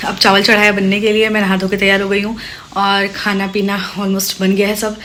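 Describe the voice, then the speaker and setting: A woman's voice: mid-range voice, completely flat delivery, moderate pace, a bit bright, slight background noise. A woman in her thirties, a mother and vlogger, chatting homely and casual about her day. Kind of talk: casual vlog narration.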